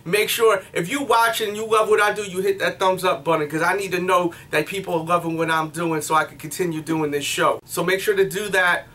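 A high, sharp-toned voice with fairly even intonation rattles along quickly with hardly any pauses. It belongs to a thirtysomething American hosting a laid-back sneaker review, pumping it up with slang and catchphrases from a few steps away from the camera in a small indoor room.

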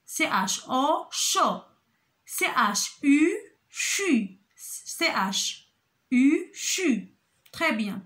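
Woman, kindergarten teacher; slow, bright, sing-song phonics drilling with stressed example words. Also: high-pitched, expressive. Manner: repeats sounds and syllables slowly, with exaggerated emphasis on example words. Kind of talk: slow phonics lesson for young children. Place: school, recorded for an online lesson.

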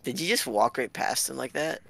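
A young man chatting casually while playing a co-op game, excitable and prone to loud yelps when startled. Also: medium pitch, fairly quick, gravelly. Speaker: co-op gamer. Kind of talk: casual gaming chat.

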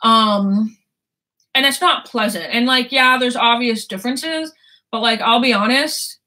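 A woman's voice: fairly high pitch, unhurried, sharp tone. A woman in her twenties chatting casually about books, rambling, laughing and swearing freely. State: sore throat. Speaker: book vlogger. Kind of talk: casual chat.

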